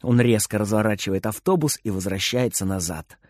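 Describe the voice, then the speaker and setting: A man reading a children's story aloud in an expressive narrating voice. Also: on the low side, a little fast, dry recording, clean studio sound.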